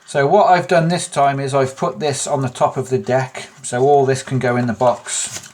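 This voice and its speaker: A man talks through an informal hands-on demonstration in a mid-pitched voice. He is chatty and self-deprecating, often slipping into muttered asides to himself as he instructs. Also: fairly even intonation, moderate pace, darkish tone. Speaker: magician presenting a card trick tutorial.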